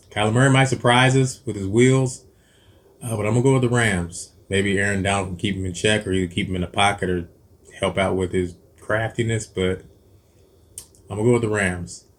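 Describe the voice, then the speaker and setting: A man's voice: lowish voice, moderate pace, pauses often. A man hosting a cooking channel, chatting casually through football picks with lots of ums, restarts and self-corrections. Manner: rambling, hesitant, many ums and self-corrections. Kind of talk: casual football picks chat while eating.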